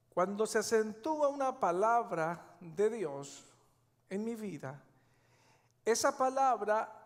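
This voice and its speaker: High-voiced preaching man in a hall. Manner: emphatic preaching, repeats key phrases. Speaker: pastor. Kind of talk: sermon. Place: church sanctuary. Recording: long church hall reverb.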